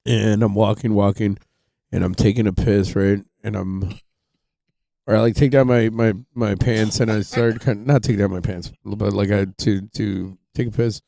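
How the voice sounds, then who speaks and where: Gravelly low-voiced man, rambling story. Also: steady tone, normal speed, warm tone, no room sound. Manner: rambling, profane, lots of fillers. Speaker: podcast host. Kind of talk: casual storytelling.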